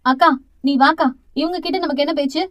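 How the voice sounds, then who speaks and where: Brief: woman playing brash young sister, quick retorts, high bright voice, dry. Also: steady tone, dry recording, lightly acted. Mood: defiant.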